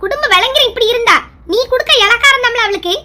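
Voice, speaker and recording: A woman's voice: very high-pitched, quick pace, bright, forceful tone, slight background noise, heavily acted. A woman with a Kanyakumari Tamil accent playing a complaining mother-in-law who nags in a comedy skit. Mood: scolding. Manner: nagging and self-pitying. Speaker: skit performer.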